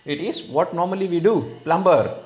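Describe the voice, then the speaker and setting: An Indian man gives a very slow, drawn-out classroom lesson with an Indian English accent, stopping often to check that his students understand. His voice bounces around a roomy space. The recording sounds dull and lo-fi. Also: mid-range voice, lively intonation, creaky. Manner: slow, repetitive, keeps asking "understand?". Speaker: spoken English teacher. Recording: echoey room, dull lo-fi sound.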